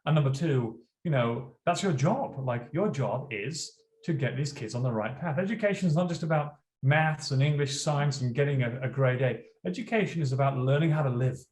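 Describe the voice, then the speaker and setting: A school principal being interviewed, telling animated stories and acting out classroom dialogue. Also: male voice, mid-range voice, normal speed, hardly any pauses. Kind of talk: interview storytelling. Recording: roomy echo.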